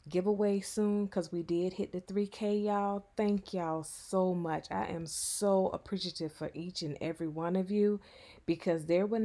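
A woman in her fifties narrates a cleaning vlog as a chatty, affectionate voice-over, often addressing her viewers as y'all. Her voice is on the low side with a warm tone.

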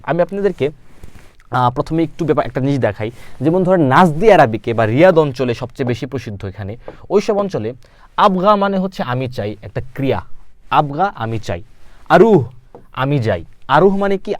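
A man's voice: mid-range voice, very animated, moderate pace, pauses often, no room sound. A man teaching an Arabic lesson, repeating each word and asking then answering his own questions. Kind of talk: spoken language lesson.

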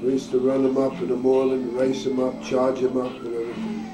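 A man's voice: medium pitch, flat delivery, brisk. This is an older man, a grandfather, who speaks in short, plain sentences. He is heard on old VHS home-video tape, captured from across an echoey room with music in the background. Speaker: grandfather and navy veteran. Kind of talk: family home-video interview. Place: family home at Christmas. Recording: echoey, distant camcorder mic with music behind.

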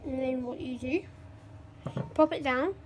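A woman's voice: high voice, a little slow, a little hiss or hum. A young woman chatting through a casual cooking vlog at home, rambling and correcting herself as she goes. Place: home kitchen.

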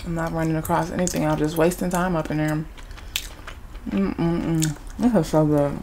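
A woman, chatting casually with her mouth full and chewing, relaxed and blunt, humming with enjoyment between bites. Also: low-pitched, moderate pace, a little hiss or hum. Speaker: vlogger. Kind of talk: casual rambling chat while eating.

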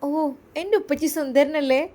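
A woman's voice: high-pitched, normal speed, close to an everyday voice. A woman voicing a small curious girl with a Malappuram accent, asking eager questions. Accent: Malappuram Malayalam. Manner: excited, questioning.

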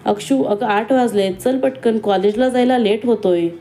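A woman's voice: fairly high pitch, moderate pace, dark tone, lightly acted. A woman voicing a friendly young college girl who talks in an urgent, hurrying way.

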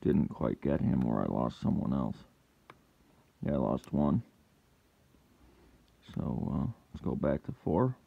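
A man's voice: a bass voice, very animated, slow, gravelly, long pauses, husky, narrow, tinny audio. A man hosting his own hobby channel, talking casually and half to himself as he works through a task step by step, with an occasional frustrated outburst. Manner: muttering to himself while working, with sudden frustrated yells. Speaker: lockpicking hobbyist channel host. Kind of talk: casual hands-on commentary.

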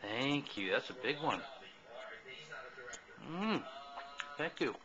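A father filming his toddler at home, coaxing her with gentle, repetitive prompts. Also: mid-range voice, sing-song, slow pace, lo-fi sound, music in the background. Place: home, indoors. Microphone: handheld camcorder.

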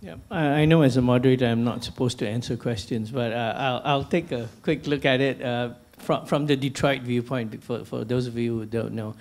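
On the stage of a big lecture hall, a middle-aged Malaysian man holds a handheld mic and moderates a panel, posing questions. His delivery is measured and anecdotal, with frequent sentence restarts. His pitch is ordinary mid-range, his intonation fairly even, and his tone a little mellow.

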